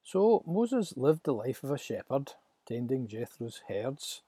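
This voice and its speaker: Male storybook narrator, dark, husky, dramatic, dry close sound. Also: medium pitch, big pitch swings, a little slow, no room sound.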